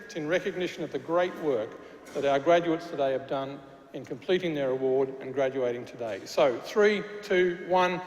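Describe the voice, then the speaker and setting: A man with a Glaswegian Scottish accent addresses graduates as a university official, his voice a little high and his pace moderate. He chats with the crowd in a large church hall, cracking jokes, dropping fillers and often restarting his sentences. The recording is echoey with faint noise.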